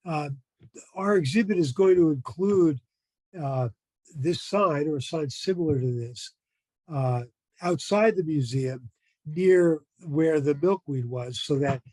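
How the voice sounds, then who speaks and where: A man giving an informal educational talk as a museum presenter, explaining things in a halting way. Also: on the high side, warm tone, no room sound.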